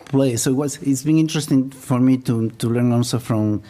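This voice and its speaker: In a medium-pitched, warm voice at a moderate pace, a middle-aged man from Ecuador lectures publicly as a business professor. A native Spanish speaker with an Ecuadorian accent, he leans on self-deprecating humor and chuckles at his own jokes.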